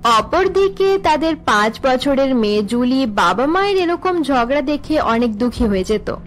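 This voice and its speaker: High-voiced woman narrating a cartoon story. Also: soft background music. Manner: even, measured telling.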